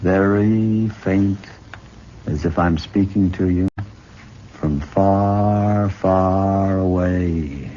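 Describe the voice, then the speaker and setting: This old-time radio drama features a male actor as a condescending, possessive hypnotist professor of middle age, coaxing deliberately in a hypnotic way. His low-pitched, mellow voice comes through a muffled, noisy recording with faint music behind it.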